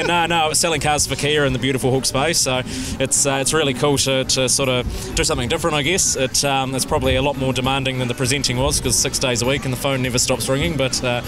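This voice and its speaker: Fast-talking Kiwi man, music behind. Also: medium pitch, fairly even intonation. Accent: New Zealand. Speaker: interview guest, former driver and presenter. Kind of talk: casual chat. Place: outdoors beside a speedway track. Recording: outdoor trackside, music and vehicles behind.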